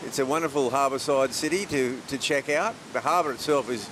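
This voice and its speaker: A man with a medium-pitched voice gives casual live surf commentary. He chats as a co-host. Clear rumbling outdoor noise sits behind his voice. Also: fairly quick.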